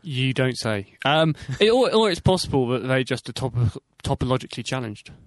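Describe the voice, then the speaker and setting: A man co-hosting a comedy podcast, joking quickly with nerdy asides. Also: mid-range voice, very animated, dry recording. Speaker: co-host.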